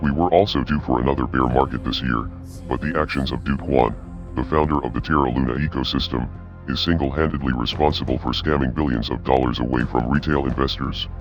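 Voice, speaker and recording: A man delivering a scripted video statement as an anonymous hacktivist spokesman, in a menacing, measured voice that is disguised and pitched very deep. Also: fairly even intonation. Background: music.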